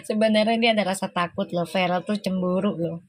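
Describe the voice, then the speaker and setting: A woman's voice: mid-range voice, normal speed, dry recording. A woman doing a casual live tarot reading, exclaiming and laughing often as she talks. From Indonesia. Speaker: tarot reader.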